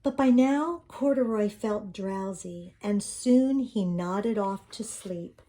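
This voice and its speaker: A woman's voice: mid-range voice, slow, warm tone. A woman narrating a children's storybook as she reads it aloud. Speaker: storybook reader.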